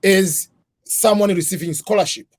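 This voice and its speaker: A man's voice: high voice, normal speed. A middle-aged man from Tanzania, a guest in an interview, explaining methodically in numbered points. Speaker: guest, scholarship advisor.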